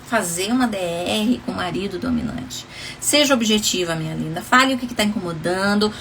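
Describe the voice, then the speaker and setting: On a livestream, a relationship coach with a medium-pitched, slightly bright voice gives casual advice, chatty and laughing often as she calls viewers endearing names. There's slight background noise.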